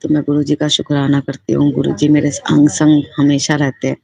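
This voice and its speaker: A woman's voice: low-pitched, completely flat delivery, fairly quick, vocal fry, dark tone. A woman giving a personal devotional testimony, speaking in a heartfelt, repetitive and fervently grateful way. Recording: slightly muffled lo-fi recording.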